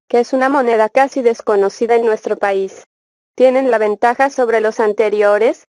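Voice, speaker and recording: A woman reading a textbook passage and its exercise answers aloud in an even, measured way. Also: a little high, no room sound, studio quality. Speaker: reader.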